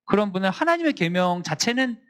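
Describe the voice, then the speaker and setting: Lively Korean chaplain teaching a Bible lesson. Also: male voice, high-pitched, fairly quick. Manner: lively, acts out teacher and student voices in quotes.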